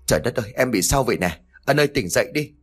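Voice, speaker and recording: A man voicing a gruff older uncle in a spoken story, blunt and reproachful with his nephew. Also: mid-range voice, expressive, racing. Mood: alarmed.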